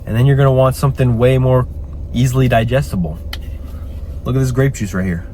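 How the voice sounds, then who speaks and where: Stuffed up with a cold, this young man vlogs from the gym in a mid-range, mellow voice at a fairly quick clip. His talk is casual, hyped and full of profanity, with "okay?" thrown in again and again, over slight background noise.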